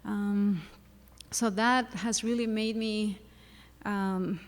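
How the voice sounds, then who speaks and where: A middle-aged woman from Peru with a Peruvian Spanish accent, speaking earnestly and haltingly with many fillers on a panel. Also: medium pitch, steady tone. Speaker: psychologist panelist. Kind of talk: panel discussion talk. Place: university lecture hall. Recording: long hall reverb.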